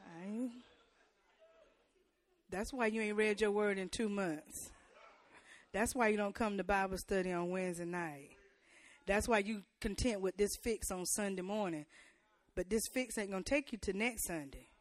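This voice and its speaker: Her voice sits mid-range at a normal speed, and she pauses often. She's a woman preaching a sermon in church, engaging the congregation through call-and-response and playful asides before building to loud, emphatic high points.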